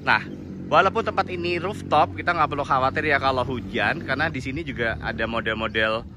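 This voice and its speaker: Against a noisy background, a man with a mid-range voice talks fairly quickly while touring a mountain cafe and lodging on a handheld phone. He's a vlogger moving between outdoors and indoors, casually and warmly pointing out things as he walks.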